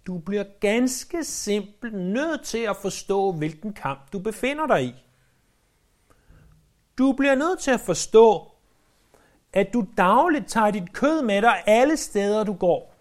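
A man's voice: high-pitched, sing-song. A man preaching a sermon in an earnest, emphatic way, repeating key phrases for weight.

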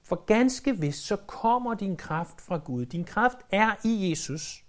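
A man's voice: sits high, animated. Guy preaching, earnest and emphatic, repeats himself for effect. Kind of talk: sermon.

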